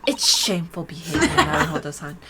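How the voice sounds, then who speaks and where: A woman's voice: fairly low pitch, sing-song, fairly quick, a crowd in the background. Give me a woman playing an earnest, polite young assistant scolding someone formally.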